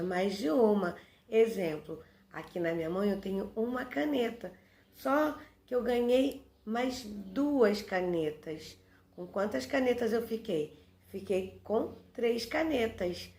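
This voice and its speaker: Brazilian woman teacher, unhurried and patient, quizzing and answering herself, echoey room. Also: mid-range voice, darkish tone. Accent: Brazilian Portuguese. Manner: patient, asks questions and answers them herself. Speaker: primary school teacher. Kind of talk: recorded review lesson for young children.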